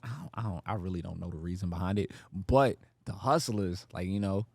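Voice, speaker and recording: A man hosting a casual podcast, talking in a slangy, joking, animated storytelling way. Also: low-pitched, a little fast, no room sound. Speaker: podcast host. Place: warehouse, close dry sound.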